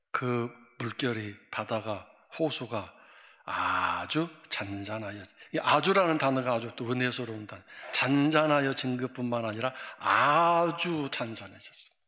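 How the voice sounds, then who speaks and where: Korean pastor guy preaching, forceful bright voice, gets loud then drops to a hush, big church reverb. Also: medium pitch. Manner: emphatic, swings between loud outbursts and hushed near-whispers. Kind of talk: sermon. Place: church sanctuary. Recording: long reverb of a church sanctuary.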